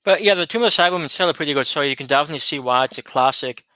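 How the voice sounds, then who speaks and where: Clear, measured male co-host. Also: fairly high pitch, sharp tone, no echo. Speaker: podcast co-host. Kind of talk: casual chat.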